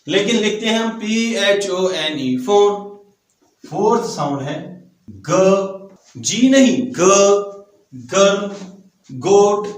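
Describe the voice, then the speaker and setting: A man teaching English phonetics, spelling letters aloud and slowly repeating example words. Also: high-pitched. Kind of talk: phonetics lesson. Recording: very echoey room.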